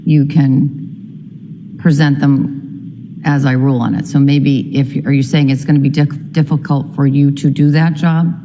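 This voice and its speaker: A woman's voice: extremely low pitch, little pitch movement, a little slow, mellow. A woman speaking as a judge, addressing a courtroom, recorded in an echoey room with noise behind her.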